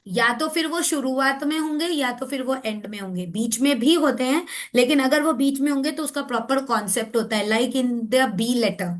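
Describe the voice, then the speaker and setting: A woman teaching phonics rules in a classroom-style lecture, mixing in English and saying example words slowly to check understanding. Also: sits high. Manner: mixes Hindi and English, repeats and checks understanding.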